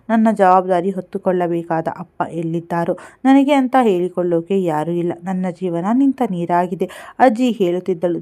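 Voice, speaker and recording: Woman reader doing a soft-spoken orphaned teen girl, sorrowful and gentle. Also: on the low side, lightly acted.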